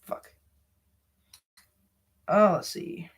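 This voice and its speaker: A young man from the American South, chatting casually to viewers on a live stream, rambling with lots of fillers while he sets things up. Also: extremely slow.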